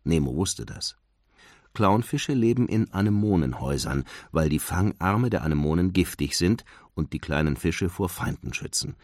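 A man reading a children's storybook aloud in an expressive, lilting way. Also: low-pitched, moderate pace, no room sound, studio quality.

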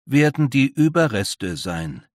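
A man's voice: medium pitch, sing-song, slow pace, no room sound, voice pushed up. A cautious older councilman, voiced by a male reader, who speaks in a dry, skeptical way. The sound is close and dry.

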